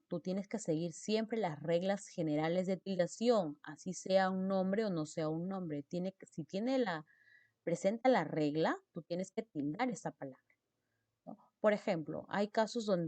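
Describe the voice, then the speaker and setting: A woman with a warm, fairly low voice teaches a spelling lesson on accent marks, explaining the mark rules, repeating example words, and checking in with her students. There is no room sound.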